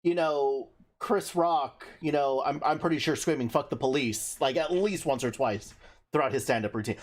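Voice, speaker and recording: A young man chatting on a podcast, blunt and profane, telling stories in an animated way. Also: fairly high pitch, normal speed. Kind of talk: casual chat.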